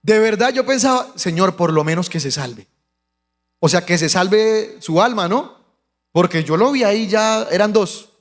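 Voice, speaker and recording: In a sermon testimony, a male pastor with a Colombian Spanish accent tells a personal story in a high-pitched, unhurried voice. His storytelling is animated as he acts out the voices of the people involved, with long hall reverb on the recording.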